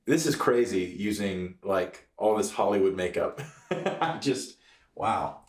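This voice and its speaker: A man with a somewhat low voice, rambling and hedging with lots of fillers. His voice echoes in a roomy space. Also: lively intonation, takes it slowly. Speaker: actor in creature makeup.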